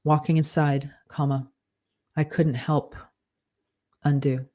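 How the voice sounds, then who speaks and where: Slow, flat voice dictating a story. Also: medium pitch. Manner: measured, flat dictation, spelling out punctuation and corrections. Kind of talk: dictating fiction aloud with spoken punctuation commands.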